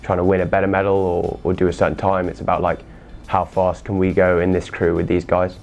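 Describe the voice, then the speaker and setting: Deep, flat-voiced eighteen-year-old man. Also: creaky, faint music behind. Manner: steady, measured, filler-heavy. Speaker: junior rowing crew member. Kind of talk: casual interview answers.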